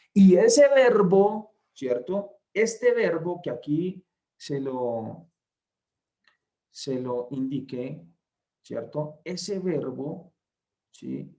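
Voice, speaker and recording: A man leads an online Bible lesson. He speaks slowly and with emphasis, reads verses aloud, and keeps checking that his listeners follow. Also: fairly high pitch, a little mellow. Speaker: Bible class tutor.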